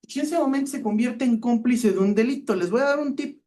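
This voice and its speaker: Lively Mexican man telling stories. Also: very high-pitched, brisk, a little hiss or hum. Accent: Mexican Spanish. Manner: lively storyteller, acts out quoted dialogue. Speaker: cybersecurity expert speaker. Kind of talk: conference talk with anecdotes.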